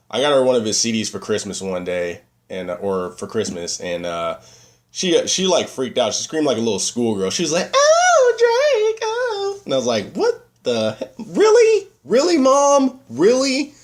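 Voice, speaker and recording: Rambling winded man ranting casually. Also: on the low side. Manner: rambling, breaks into animated rants. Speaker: vlogger. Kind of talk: casual vlog chat.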